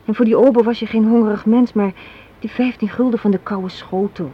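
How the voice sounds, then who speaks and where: On a dull, noisy old radio recording, a young adult actress in a Dutch radio play argues as a hard-minded, cynical young woman, lecturing with rhetorical questions. Her slightly rough voice sits on the high side, brisk and steady, with a bitter, insistent edge.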